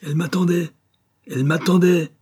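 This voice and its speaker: A man voicing a jealous, hot-headed young man who shouts in a furious outburst, in a storybook reading. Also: sits low, steady tone, a little fast, slightly rough.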